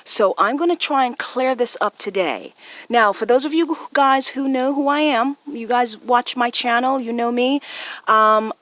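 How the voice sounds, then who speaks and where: Her voice is fairly high, a little slow and fairly bright, recorded on a phone with no echo. This Jamaican-accented online host gives viewers a relaxed, improvised explainer, regularly checking in with brief tag questions.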